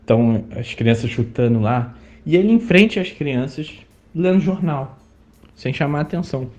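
This Brazilian podcast host tells a personal story in a casual monologue, sounding chatty and indignant and using lots of fillers. His voice is a little high and darkish, with lively intonation and a normal pace. The audio's highs are cut off.

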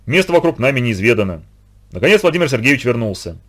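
Brief: male storybook narrator, lively rising and falling delivery, mid-pitched voice. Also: quick pace.

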